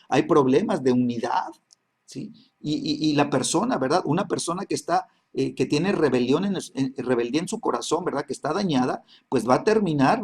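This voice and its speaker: A man teaching a church Bible class, checking in constantly with listeners and pausing on repeated fillers. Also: mid-range voice, creaky, darkish tone, slightly rough. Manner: constant "¿verdad?" and "¿sí?" checks, many halting fillers.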